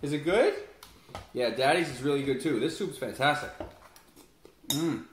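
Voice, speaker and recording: Recorded on a distant camera mic in a very echoey kitchen with faint noise, this home cooking host speaks in a mid-range voice at a moderate pace. He casually walks through the recipe while also talking to his little son.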